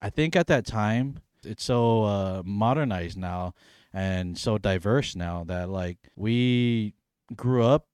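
Easygoing young man, low voice, dry sound. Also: takes it slowly, a little mellow, smooth, dry recording. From Hawaii. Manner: easygoing, talkative, frequent "you know". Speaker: podcast co-host. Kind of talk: casual chat.

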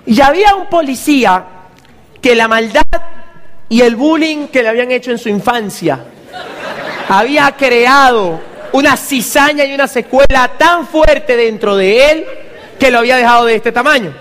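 Very high-voiced man telling stories. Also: normal speed, long reverb tail, a faint crowd. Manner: lively, acts out the voices of others. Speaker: motivational speaker. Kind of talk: comic storytelling to an audience.

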